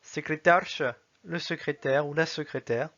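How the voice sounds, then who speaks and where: A man teaching a language lesson, slowly and carefully sounding out letters and words one by one. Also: a little high, fairly even intonation, no echo, muffled recording. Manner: slow, careful and deliberate, spelling out sounds one by one. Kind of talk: slow spoken lesson.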